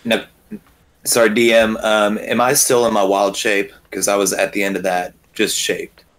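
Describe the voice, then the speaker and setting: A man's voice: fairly low pitch, flat delivery, normal speed, fairly bright tone. A man talking casually as a player at a tabletop roleplaying game.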